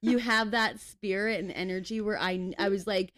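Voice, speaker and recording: A woman's voice: medium pitch, fairly even intonation, a bit bright. A woman in her twenties, a podcast guest in casual chat, eagerly agreeing and chiming in. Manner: eager, agreeable, quick to chime in.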